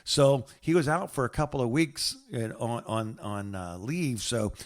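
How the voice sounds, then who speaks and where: A middle-aged American man co-hosts a podcast in a casual, phone-call-style chat, speaking in an expressive mid-range voice. He is halting and rambling, often repeating words and trailing off mid-thought.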